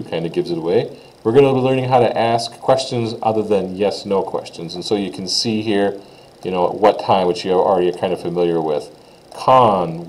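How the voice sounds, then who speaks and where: A man's voice: fairly low pitch, darkish tone, low-quality recording. A man teaching a casual recorded French lesson, talking informally with frequent "uh" fillers.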